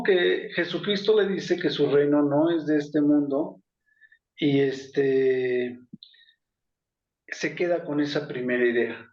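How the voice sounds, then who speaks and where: A man's voice: fairly high pitch, vocal fry. Man, informal Bible study teaching, conversational with fillers, muffled lo-fi sound. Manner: conversational, many fillers and self-corrections. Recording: echoey room, muffled lo-fi sound.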